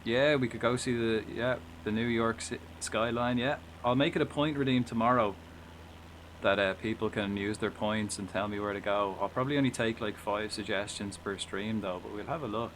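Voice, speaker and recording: A man's voice: on the low side, fairly even intonation, moderate pace, fairly bright tone, slight background noise, rough recording. A man with an Irish accent giving casual, rambling live commentary while he plays a flight game, swearing and chatting back to viewers.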